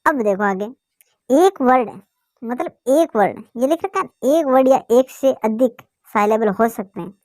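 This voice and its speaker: A woman's voice: a little high, expressive, unhurried, a little mellow, dry recording, studio quality. A woman teaching a basic English lesson, asking questions and answering them herself. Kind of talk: classroom lesson explanation.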